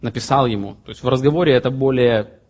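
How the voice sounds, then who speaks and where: A man's voice: mid-range voice, fast talker, darkish tone. A man in his late thirties preaching a sermon, earnestly reading scripture and explaining it with plain everyday examples. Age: 30s. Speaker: pastor.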